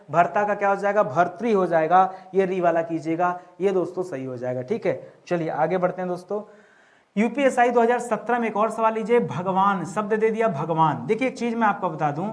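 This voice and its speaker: Leading an exam-prep grammar lesson, a high-voiced male teacher keeps repeating his questions back to viewers. He slows down whenever he spells out key words.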